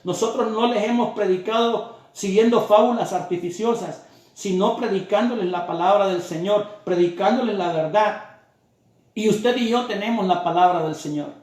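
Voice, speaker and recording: A high-pitched male preacher delivers a sermon, hammering his points home through steady repetition. His voice rings through a very echoey room. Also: moderate pace. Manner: emphatic, repetitive preaching cadence.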